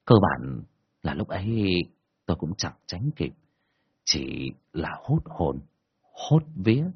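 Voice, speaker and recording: A man telling a first-person ghost story in a colloquial, earthy, expressive way, in a dull lo-fi recording. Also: rumbling low, takes it slowly, breathy edge.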